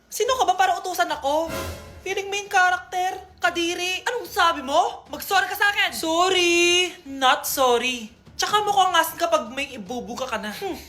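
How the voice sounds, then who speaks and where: A woman plays bickering characters in a comedy skit. Her voice sits very high and her delivery is brash and dramatic. Faint music plays behind her. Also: expressive, fairly quick, long pauses, fairly bright tone. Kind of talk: comedy skit acting, playing several characters.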